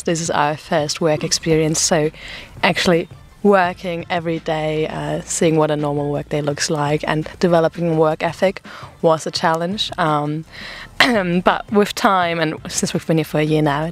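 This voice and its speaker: Easygoing young German woman, lowish voice. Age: young adult. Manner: easygoing, chuckles often. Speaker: volunteer. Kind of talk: casual group chat.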